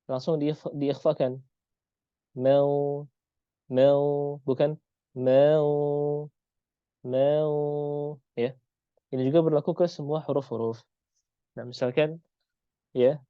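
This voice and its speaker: A man teaching Quran recitation in an online lesson, patiently repeating example sounds slowly. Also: mid-range voice, no echo, muffled recording.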